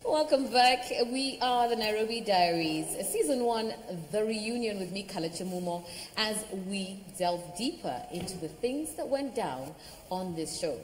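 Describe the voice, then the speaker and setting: A woman's voice: mid-range voice, expressive, measured pace, hardly any pauses, in a large hall, soft background music, rough recording. A woman hosting a television reunion panel, teasing and laughing often with her guests. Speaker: reunion show host.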